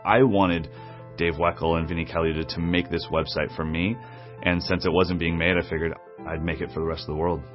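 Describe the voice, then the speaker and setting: Deep-voiced drum teacher, candid and reflective. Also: male voice, flat delivery, brisk, over music. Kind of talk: documentary interview. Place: indoor drum studio. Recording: slightly dull, muffled audio.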